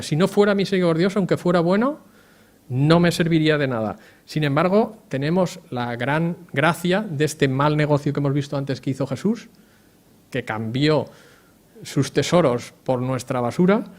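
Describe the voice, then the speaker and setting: A man from preaching a conversational sermon, often asking the congregation questions. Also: fairly high pitch. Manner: chatty, asks the congregation questions.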